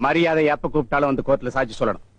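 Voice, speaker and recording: A man's voice: mid-range voice, very fast, background noise, natural voice. An actor playing an arrogant village police officer who bullies and threatens a jailed man and his wife. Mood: shouting orders. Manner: threatening, bossy, sneering. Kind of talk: film comedy scene.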